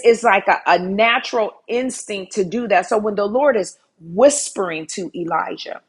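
Husky-voiced woman preaching earnestly. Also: mid-range voice, a bit bright. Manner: earnest, repeats phrases for emphasis. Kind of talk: sermon.

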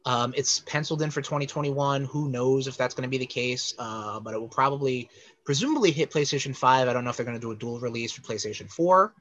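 A man's voice: mid-range voice, quick pace, a bit bright. A man co-hosting a casual podcast, rambling upbeat about upcoming games and teasing his co-host.

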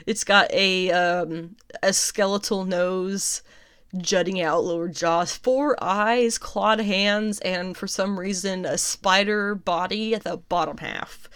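A woman's voice: medium pitch, a bit bright, smooth. A woman casually recapping and reviewing comics. She talks in a chatty, amused way, laughs often and swears freely.

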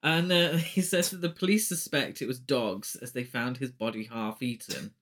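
A man's voice: mid-range voice, normal speed, fairly bright tone. A man hosting a casual film recap, talking through the plot with cheeky, campy asides. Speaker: podcast host.

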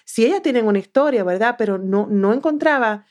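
A woman from southern Puerto Rico with a Puerto Rican accent, a podcast guest telling her story in a lively way and acting out what she once said. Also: fairly high pitch, a little fast. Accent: Puerto Rican Spanish. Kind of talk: casual interview.

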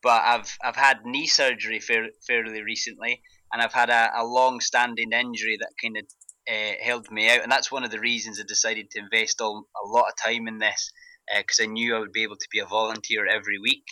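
A man with a thick, broad Scottish accent giving casual, halting interview answers, often repeating words as he goes. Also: lowish voice, level tone, pushed and bright, no echo, rough recording. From Glasgow, Scotland. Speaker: interview guest, parkrun event organiser.

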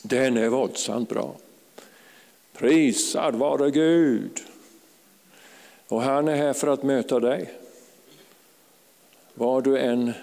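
Fervent gravelly male preacher in a hall. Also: mid-range voice. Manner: fervent, rises to shouting, frequent hallelujahs. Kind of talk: charismatic sermon. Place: church.

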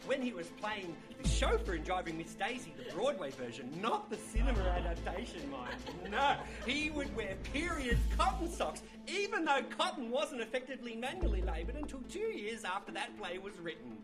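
A man's voice: high-pitched, sing-song, brisk, hardly any pauses, over music. A man playing a pedantic, pompous quiz contestant, theatrical and mock-erudite, in an improvised comedy quiz show. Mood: pompous, eager.

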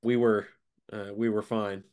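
A man's voice: lowish voice, little pitch movement, a little slow, darkish tone, clean tone. A man with a stuffed-up, nasal voice congested from a sinus infection, chatting casually as a podcast co-host.

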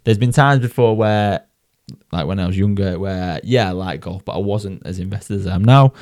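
A man's voice: low voice, moderate pace, a little mellow. A man with a Mancunian accent co-hosting a golf podcast in casual, blokey chat, emphatic and repeating his phrases. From Manchester area, England.

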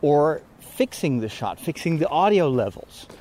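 A man's voice: on the high side, very animated, a little slow, warm tone, slight background noise. A man vlogging while walking uphill through woods, tired and short of breath, talking in a rambling way with self-deprecating asides. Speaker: priest and vlogger. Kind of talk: walking vlog monologue. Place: outdoors in woods, climbing a hill.

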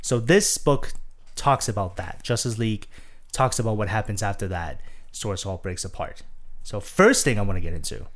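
A man's voice: fairly low pitch, lively intonation, normal speed. A man co-hosting a podcast, chatting casually with many fillers and restarts. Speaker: podcast co-host. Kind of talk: casual chat.

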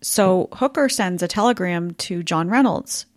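A woman with a fairly low voice co-hosts a history podcast in a casual, chatty way. She pokes fun at herself and laughs easily. The sound is dry and close to the mic. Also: a little slow, no echo. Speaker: podcast co-host.

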